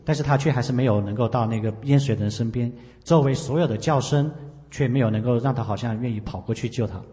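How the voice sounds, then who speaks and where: A man interpreting a sermon live, talking quickly with frequent "ah" fillers. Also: medium pitch, dark tone. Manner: rapid, with frequent "ah" fillers and restarts. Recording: echoey hall with long reverb.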